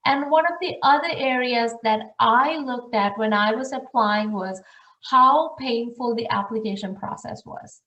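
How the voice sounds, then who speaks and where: A woman's voice: on the high side, unhurried, pushed and bright, lo-fi sound. A woman from Sri Lanka who directs international programs, giving earnest advice in a webinar presentation and asking the audience questions. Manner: earnest, advising, rhetorical questions. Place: room, recorded for an online webinar. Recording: echoey room, far from the mic.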